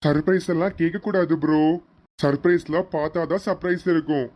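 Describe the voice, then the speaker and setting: A man's voice: on the high side, fairly even intonation, brisk, a little mellow, natural voice. Man playing a teasing younger brother. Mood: playful. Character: cheerful playful younger brother.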